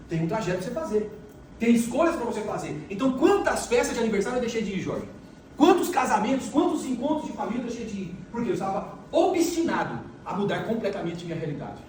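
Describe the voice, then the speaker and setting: A middle-aged man whose voice sits high and a little mellow tells stories emphatically in a motivational talk, repeating phrases for force. It's recorded in a large echoey event hall with a far-off mic and faint background noise.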